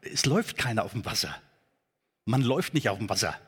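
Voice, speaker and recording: A man preaching a sermon in a church, talking in a conversational, halting way with many fillers. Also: fairly low pitch, sing-song, a bit bright, breathy edge. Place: church hall.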